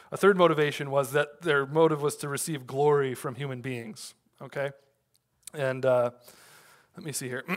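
Casual, rambling male preacher. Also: medium pitch. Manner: conversational, loose, with many fillers and restarts. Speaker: pastor. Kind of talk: sermon with a personal story.

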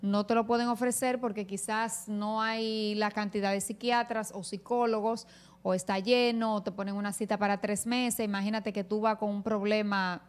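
A woman's voice: medium pitch, clear, resonant tone. A woman from the Dominican Republic hosting a live TV panel, earnestly explaining at length and growing indignant. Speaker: TV talk show host.

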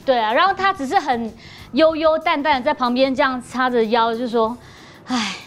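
A woman, a mother on a TV talk show, telling an anecdote in a lively way and acting out what was said. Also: high-pitched, fairly quick. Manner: lively, acts out quotes. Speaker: guest, mother. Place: TV studio.

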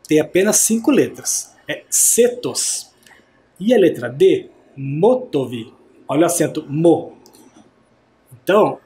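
A man teaching an adult science class, speaking patiently and clearly and often checking whether his students follow. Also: a little high, a little mellow. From Brazil. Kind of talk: recorded class for adult learners.

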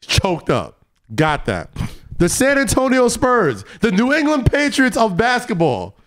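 A man's voice: extremely high pitch, wildly swooping pitch, measured pace, fairly bright tone, a little hiss or hum. A young man with a New York accent, co-hosting a podcast and arguing his point in casual debate, teasing and talking over his co-host.

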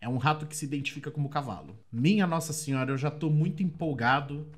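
A man with a Brazilian Portuguese accent doing let's play commentary, chatty and excitable, often breaking into shrieks of surprise. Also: on the high side, quick pace. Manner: chatty, addresses viewers often. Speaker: gameplay commentator.

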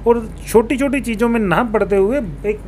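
A man with a very high-pitched, darkish voice speaks at a moderate pace. He answers formally as a local politician, explaining his points with English terms mixed in. He sits on a sofa in a small indoor office, a handheld reporter mic is held toward him, and background room noise is clearly audible.

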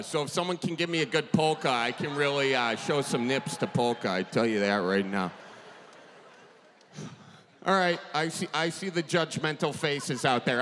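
A man in his thirties with an Upper Midwestern accent, doing animated, folksy stand-up into a handheld mic on a theater stage. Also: on the high side. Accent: Upper Midwestern American. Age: 30s. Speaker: stand-up comedian. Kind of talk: stand-up comedy. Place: large theater stage before an audience. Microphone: handheld microphone held close. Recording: reverberant theater, faint audience noise.

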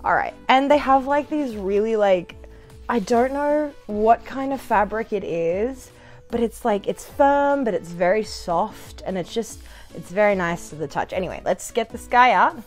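Faint music sits behind this young adult reviewer as she talks to camera in her living room while unboxing. Her medium-pitched voice is expressive and unhurried, and her manner is bubbly and playful, with sing-song asides.

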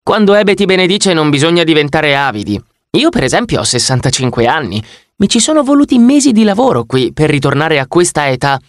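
Male reader doing a shrill, bossy kid manager with an old lady's attitude, brash announcer, high and lively. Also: brisk, dry recording, clean studio sound. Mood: pushy. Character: pushy nine-year-old girl arcade manager, really an old lady.

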